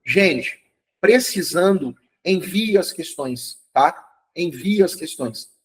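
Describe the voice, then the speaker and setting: Slow and slightly rough, this man's voice sits on the high side with lively intonation, and the recording quality is low. During his live online chemistry review he keeps things positive, naming students and repeatedly checking that they follow along.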